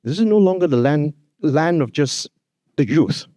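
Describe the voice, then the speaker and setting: Opening a conference in a hotel hall, a man from Singapore speaks earnestly and emphatically, frequently adding "you know" and "actually." His slightly high voice is animated and dark-toned at a moderate pace, recorded at studio quality with no room sound.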